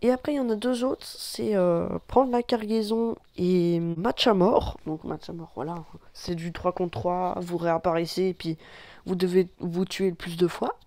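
A man from France giving casual let's-play commentary on a mobile tank game, excitable and quick to swear and cry out at the action. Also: sits high, dry recording. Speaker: gaming YouTuber.

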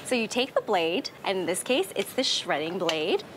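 A woman's voice: medium pitch, big pitch swings, normal speed. A woman giving a conversational cooking demonstration at an outdoor event. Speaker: product demonstrator. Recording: noisy outdoor event ambience.

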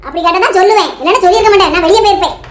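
A woman's voice: very high voice, very fast. A woman voicing an affectionate, teasing old grandmother in a cartoon, with a Tamil Nadu accent. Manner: teasing, then tearfully apologetic. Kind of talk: cartoon voice acting.

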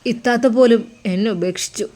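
A woman's voice: a little high, fairly quick, darkish tone, natural voice. Woman voicing a weeping remorseful older brother. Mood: pleading, tearful. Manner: pleading, broken and tearful.

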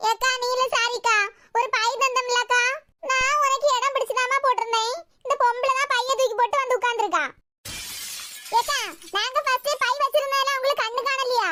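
A woman's voice: fairly even intonation, sharp tone, a little hiss or hum. A woman with a Kanyakumari Tamil accent voicing all the quarrelling village women of a cartoon short. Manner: quarrelsome, rapid banter in high cartoon voices. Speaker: cartoon voice artist.

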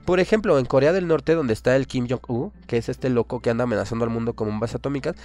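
A man's voice: mid-range voice, fast, darkish tone. A man with a Mexican accent hosting a radio show, delivering an impassioned, opinionated monologue full of rhetorical questions.

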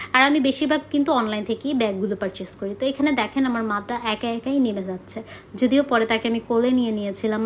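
A woman's voice: fairly high pitch, a little hiss or hum. A young woman from Bangladesh narrating her vlog in a chatty, casual way, often dropping English words into her speech. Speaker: vlogger.

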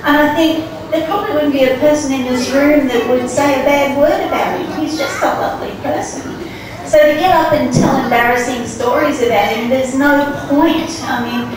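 High-voiced woman giving a laughing wedding toast. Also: moderate pace. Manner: chatty and laughing, teasing asides. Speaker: best man giving a wedding speech. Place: reception room, indoors. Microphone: handheld mic, filmed from across the room. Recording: very echoey room, far camera, loud hiss.

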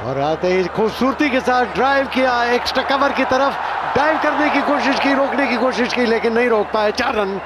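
Excited male cricket commentator over roaring crowd. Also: very high voice, normal speed, very noisy. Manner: formal, flowery praise, excited calls. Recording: broadcast commentary over loud stadium crowd.

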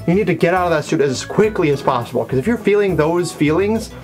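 A man's voice: on the high side, expressive, quick pace, darkish tone, soft background music. A man giving earnest, emphatic safety advice as a vlog host, talking through a fursuit head. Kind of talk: instructional vlog.

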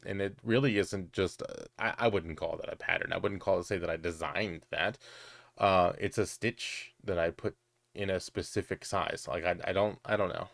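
A man's voice: low-pitched, fairly even intonation, moderate pace, gravelly, fairly bright tone, no room sound. A middle-aged man hosting a crafting channel, answering viewer questions in a chatty, hesitant way with lots of ums and restarts. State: has the hiccups. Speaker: crochet and knitting channel host. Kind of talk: casual Q&A chat.

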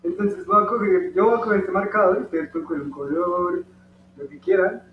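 Speaking a little fast in a high voice with a Colombian Spanish accent, an origami instructor leads a step-by-step craft tutorial for children on folding and coloring a paper dog. He's patient and encouraging, talking straight to the kids and checking in often. The recording is distant, roomy, and dull, with a faint hum.

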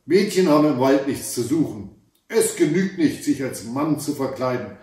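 A man voicing a fierce, threatening masked male hunter in a fairy tale, shouting in a loud, raised voice. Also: animated, normal speed, lightly acted. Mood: menacing. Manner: loud, booming, menacing. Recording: echoey room, far from the mic.

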